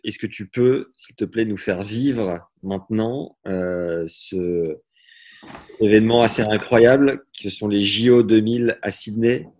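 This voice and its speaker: A man's voice: lowish voice, unhurried, a little mellow, slight background noise. A man hosting a casual interview, asking questions with hesitations and fillers. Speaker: host.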